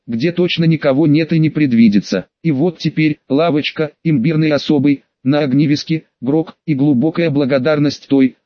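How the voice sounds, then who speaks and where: A man narrating an audiobook in a steady, even reading voice. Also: on the high side, no room sound, lo-fi sound. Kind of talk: scripted narration.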